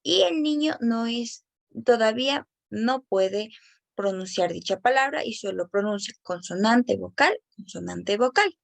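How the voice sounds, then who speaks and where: A woman presents educational material carefully and explanatorily, slowing down on example words. Her slightly high voice has a gravelly, creaky texture. The recording is close and dry, with no room sound or echo.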